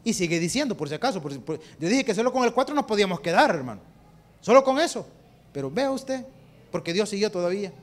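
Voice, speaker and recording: A man's voice: high-pitched, big pitch swings, fast talker. A man with a Salvadoran accent preaching a sermon, putting rhetorical questions to the congregation and using homely examples. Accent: Salvadoran Spanish. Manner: rhetorical questions to the congregation, calling them brother.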